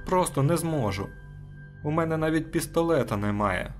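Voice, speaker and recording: A man voicing a weary young woman who speaks quietly and flatly, resigned to her fate, in an audiobook reading. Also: fairly high pitch, moderate pace, soft background music, pitched above the performer's own voice, natural voice.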